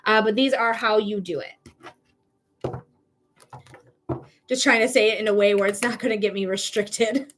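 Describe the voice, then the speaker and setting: A Michigan woman from the United States, speaking with that state's accent, hosts a live psychic reading stream in a bubbly, chatty way, laughing often with viewers. Her medium-pitched, slightly bright voice is fairly even in intonation and measured, with frequent pauses, over slight background noise.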